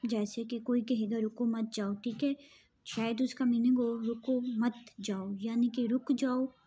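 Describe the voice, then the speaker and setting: A woman's voice: a little high, little pitch movement, moderate pace, dark tone, husky, lo-fi sound. A woman giving an explanatory online grammar lesson as an English teacher, patiently repeating points and checking in with her listeners.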